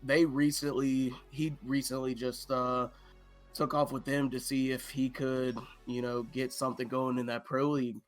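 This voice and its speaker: A man's voice: mid-range voice, level tone, normal speed, soft background music. A man chatting casually as a podcast guest, with laid-back slangy talk and some swearing. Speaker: esports team member, podcast guest.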